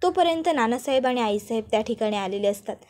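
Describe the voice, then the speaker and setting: A woman's voice: on the high side, animated, fast, darkish tone. A woman narrating a recap of a TV serial episode, retelling it as a story and voicing the characters. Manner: plain storytelling, quotes characters.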